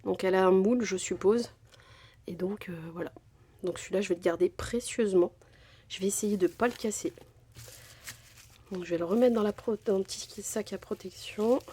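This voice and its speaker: A woman chatting casually as she unboxes craft supplies, gushing over each item and filling pauses often. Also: medium pitch, a little mellow, husky. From France. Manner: chatty, gushing, many fillers. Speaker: crafting vlogger.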